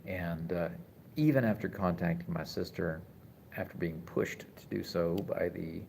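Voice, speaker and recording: A man in his forties talking casually on a live stream from a hospital room, reflective and halting with many restarts. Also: sits low, creaky, a little mellow, a little hiss or hum. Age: 40s. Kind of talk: casual live-stream talk reading chat.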